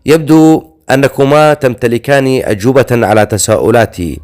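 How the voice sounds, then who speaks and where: Big gruff chieftain, man narrating him, blunt, audiobook, medium voice. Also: mid-range voice, normal speed, darkish tone, lightly acted.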